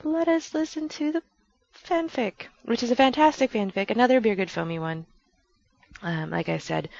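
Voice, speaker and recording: Her voice lowish and gravelly, a woman hosts a podcast through a headset, the sound coming across dull. She's casual and chatty, wandering off on tangents, poking fun at herself and laughing at her own slips.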